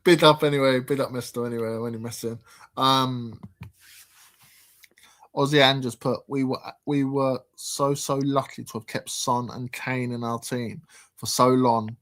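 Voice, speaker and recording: A man's voice: medium pitch, flat delivery, a little slow, fairly bright tone. A man hosts a casual football livestream. He reads chat comments aloud and talks through them with plenty of hesitant ums and restarts. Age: 30s. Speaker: livestream host.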